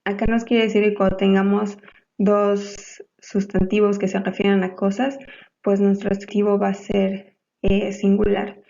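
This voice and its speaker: A young woman presents a grammar lesson at a slow, even pace, her voice gravelly and mellow. She explains hesitantly, pausing on fillers. The recording sounds dull and lo-fi. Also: medium pitch. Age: young adult. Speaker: student presenter.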